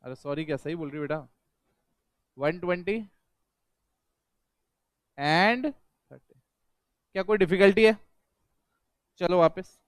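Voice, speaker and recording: A male accountancy teacher with a high, smooth and clear voice, lecturing a class of students. He fires questions at them, repeats each one, and drills the answers back while mixing English accounting terms into his talk. The sound is dry and close, with almost no room echo. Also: takes it slowly, pauses often.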